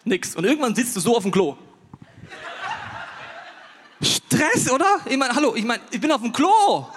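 A male stand-up comedian doing a chatty monologue, talking straight to the audience with rhetorical questions and swinging between loud outbursts and quiet asides. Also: extremely high pitch, sing-song, moderate pace, long reverb tail, slight background noise.

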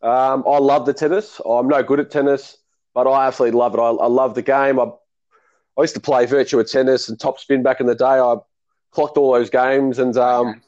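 A man's voice: mid-range voice, little pitch movement, brisk, a little mellow, muffled recording. A man from Melbourne with an Australian accent, hosting a casual chat about tennis and calling the match in a rambling, restart-filled way. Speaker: host and tennis fan commentator.

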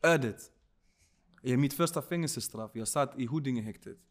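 A man telling a personal story in a casual podcast chat, slangy and animated, often checking that the listener follows. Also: medium pitch. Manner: slangy, animated, keeps asking if you follow. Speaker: podcast guest.

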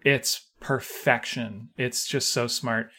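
A man's voice: medium pitch, fairly even intonation, slow pace, pushed and bright. A man co-hosting a casual podcast, wry and easygoing, laughing along with his partner. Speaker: podcast co-host.

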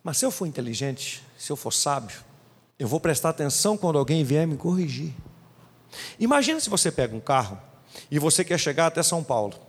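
A male pastor delivers an emphatic sermon, his voice riding high and swinging widely in pitch. He acts out little quotes along the way. The church hall adds a long, trailing reverb. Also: very animated, fairly quick, husky.

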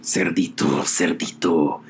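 A man voicing a hungry, angry big bad wolf in a storybook reading, speaking low and drawn out. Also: steady tone, takes it slowly, a little hiss or hum. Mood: menacing.

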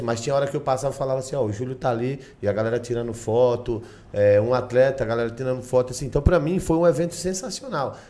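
Man, medium pitch, enthusiastic casual podcast chat. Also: a little mellow.

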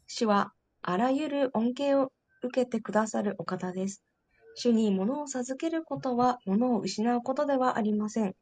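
A woman's voice: a little high, normal speed, darkish tone. A woman carefully and politely reading a devotional story aloud to listeners. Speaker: reader.

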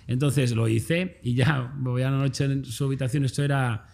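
Blunt, crude Spaniard telling stories. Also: male voice, medium pitch, steady tone, normal speed, gravelly, a little mellow. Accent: Spain Spanish. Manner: blunt and crude, keeps tagging on "bro". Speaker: podcast guest. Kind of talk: casual interview storytelling.

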